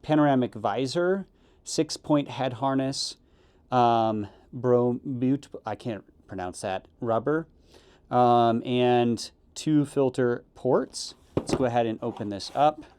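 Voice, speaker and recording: A man giving a casual, halting unboxing review, correcting himself as he goes. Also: medium pitch, darkish tone. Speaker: product reviewer. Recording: noisy, with crinkling packaging and clicks.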